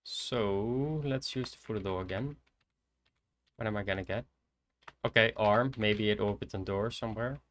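A shy young Dutch man from the Netherlands streams a game indoors at his computer, offering casual commentary. His voice is fairly low and his speed normal, but he pauses for long stretches, soft-spoken and hesitant as he thinks aloud.

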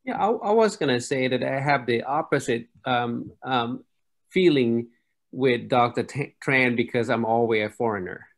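A man from Thailand with a Thai accent, a dental faculty member telling a story animatedly on a video call panel. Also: normal speed. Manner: animated storytelling, acts out dialogue with wide pitch swings. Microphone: laptop webcam on video call.

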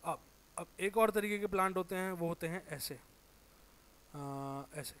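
A man with a sore throat giving a casual, informal software tutorial, thinking aloud, correcting himself and muttering as he works. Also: high-pitched, unhurried, slight background noise. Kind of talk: casual screen-recorded tutorial.

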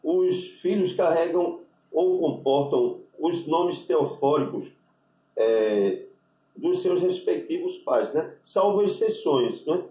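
A man with a Brazilian Portuguese accent, a rabbi giving an unscripted religious lesson, deliberate and spelling out Hebrew letters with constant tag questions. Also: fairly high pitch, expressive, mellow, distant mic. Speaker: rabbi teaching Hebrew names. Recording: echoey room, voice off-mic.

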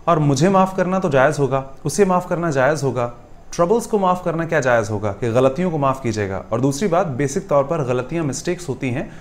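A man with an Indian English accent gives a grammar lesson in Hindi. His voice sits a little high for a man. He drags out each example sentence, says it again, then talks back to himself in a friendly way. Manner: reads example sentences slowly, repeats them, explains in Hindi; asks and answers himself conversationally. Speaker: English teacher.

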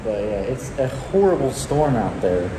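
A man's voice: medium pitch, sing-song, moderate pace. Young man, casual vlogger, slangy talk, phone at arm's length, reverberant apartment room, noisy background. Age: young adult. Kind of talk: casual vlog talk to camera. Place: indoors in a tiled vacation apartment during a storm. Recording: echoey hard-walled room, loud background noise.

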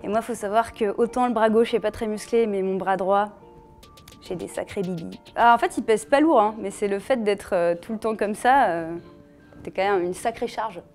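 A woman's voice: medium pitch, normal speed, a little mellow, faint music behind. A young woman ventriloquist chatting casually in an interview, playfully teasing her puppet partner. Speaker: ventriloquist performer.

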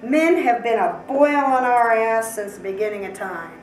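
A woman's voice: on the high side, moderate pace, faint music behind, natural voice. A woman playing an angry, militant gang leader, telling things in a combative mock-military manner. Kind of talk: mock news interview. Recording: echoey, distant, slightly noisy room.

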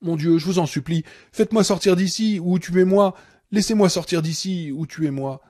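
Brief: a desperate, pleading captive man with a mellow voice, as a male audiobook reader puts him on. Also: high voice, normal speed, dry recording, clean studio sound, pitched above the performer's own voice. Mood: desperate begging. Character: terrified injured male writer held captive.

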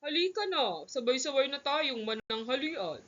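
A woman voicing a kind father who gives gentle instructions in a read-aloud story for children, in a dull lo-fi recording. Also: high-pitched, sing-song, normal speed, pitched above the performer's own voice. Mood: fatherly. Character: kind fatherly dad Mang Ferdy. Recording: dull lo-fi sound.

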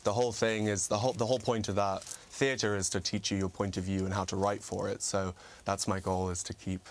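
A young man with a fairly low voice chats as an interview guest, bubbly and quick to laugh. He is half English and half American, and his talk is upbeat and goofy throughout. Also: little pitch movement, slight background noise. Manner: giggly and bubbly, laughing often. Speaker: guest, comic impersonator.

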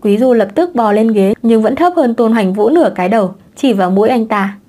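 A woman narrating a romance novel with an expressive storytelling reading. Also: a little high, fairly quick. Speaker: audiobook narrator.

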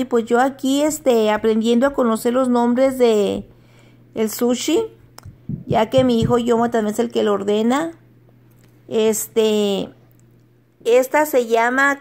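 Middle-aged woman vlogger, high-pitched, unhurried, giggly and homey. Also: a little mellow. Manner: chatty, laughs often, stumbles over English words. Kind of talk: casual home vlog.

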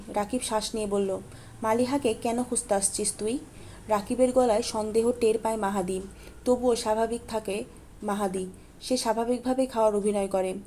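A woman narrates a story at an even pace, correcting small slips as she goes. Her voice sits a little high and mellow, and a faint hiss of noise runs under the reading. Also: brisk. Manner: steady, plain reading with small self-corrections. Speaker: audiobook narrator.

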